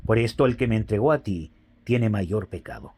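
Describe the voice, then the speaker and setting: Guy reading as jesus, calm grave man, slow solemn words, bit husky. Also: on the low side. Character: calm grave adult male teacher, Jesus.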